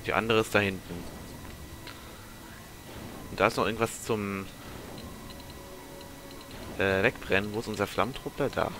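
A man with a lowish voice gives casual, off-the-cuff commentary while gaming. He mutters to himself with a mild grumble, and game music plays clearly behind him. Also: steady tone, normal speed, long pauses. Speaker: let's player.

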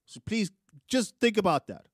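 At a moderate pace, a lively South African man with a high, husky voice co-hosts a podcast offering opinionated news commentary. Animated and profane, he gestures with his hands while using a boom studio mic and headphones in a small studio room. The sound is clean, with no room sound.

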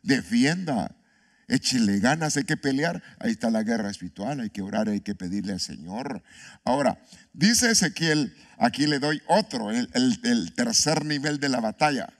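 A man pastor preaching an animated sermon, asking his congregation questions and mixing in humor. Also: mid-range voice, normal speed. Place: church.

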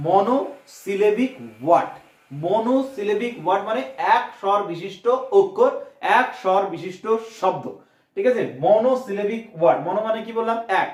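High-voiced Bengali man teaching English. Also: darkish tone, roomy sound. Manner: explains step by step, asks and answers his own questions. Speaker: English teacher for exam prep. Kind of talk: online exam coaching lesson.

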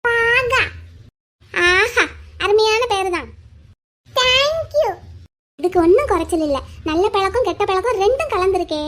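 A woman voicing a kind kindergarten teacher who talks to small children in a gentle, coaxing sing-song. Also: extremely high pitch, a little fast. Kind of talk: cartoon voice acting.

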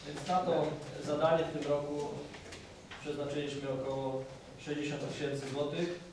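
Halting official in an echoey hall. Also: male voice, on the high side, flat delivery. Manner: halting, with many filler sounds. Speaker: municipal official presenting the budget. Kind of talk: formal council speech. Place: council meeting hall. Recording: echoey hall recorded from a distance, background noise.

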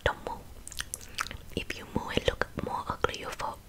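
A woman's voice: moderate pace, lightly acted. Woman's whispered role-play of a bossy, accented makeup artist. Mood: brisk, critical. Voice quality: breathy unvoiced whisper with wet mouth sounds. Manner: scolding, blunt, clipped phrasing. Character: bossy, blunt, insulting female makeup artist.

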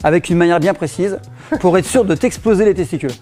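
A man's voice: high-pitched, fast talker, dark tone, soft background music. A middle-aged man with a French accent teaching self-defense in a casual demonstration, joking and laughing often as he explains.

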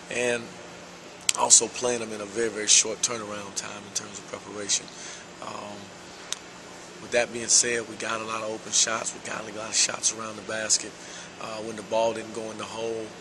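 A middle-aged man, a basketball head coach, giving a measured post-game interview in a large empty indoor arena, with frequent "uh" fillers. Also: on the low side, level tone, noisy background.

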